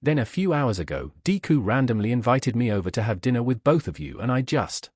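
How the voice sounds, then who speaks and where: A man voicing a warm, emotional young woman who gushes and apologizes, with a husky voice. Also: medium pitch, very animated, brisk, dry recording, studio quality.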